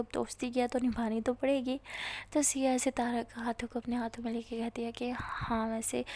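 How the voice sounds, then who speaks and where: A woman's voice: on the high side, mellow. A woman with an Indian accent casually narrating a college love story and speaking the characters' lines herself.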